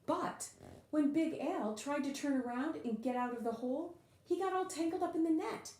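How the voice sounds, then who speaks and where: In a roomy-sounding space, a high-pitched woman performs a children's picture book with plenty of drama, lingering on important words to stress them.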